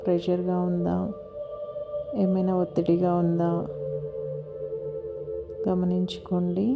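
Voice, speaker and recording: Woman meditation guide, low, flat, unhurried and a little gravelly; dull recording over soft music and a singing bowl. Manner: slow, soft and soothing, with long pauses. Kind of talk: guided body-scan meditation. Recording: slightly dull audio with music behind.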